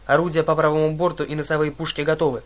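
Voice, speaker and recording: A man voicing a grim, gruff ship captain in an audiobook. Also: a little high, little pitch movement, rapid-fire, close to an everyday voice. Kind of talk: audiobook character voice.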